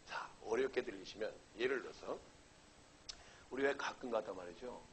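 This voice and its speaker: A man's voice: medium pitch, a little hiss or hum, rough recording. A middle-aged man lecturing on law. He poses questions and answers them himself, and keeps checking that the class follows. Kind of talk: exam-prep lecture.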